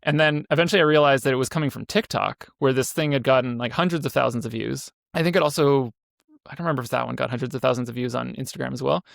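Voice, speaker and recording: A man's voice: mid-range voice, fast, vocal fry, a bit bright, dry recording, clean studio sound. A man in his thirties, an indie game developer, talking casually as a podcast guest, rambling with fillers and restarts. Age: 30s. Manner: rambling, self-correcting, frequent fillers. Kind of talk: casual interview talk.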